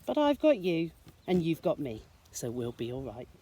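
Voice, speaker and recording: Storybook mouse read by a woman: small, anxious, lifting high and swooping with worry. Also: huge pitch swings, moderate pace, background noise. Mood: gentle. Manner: high, worried, breathy.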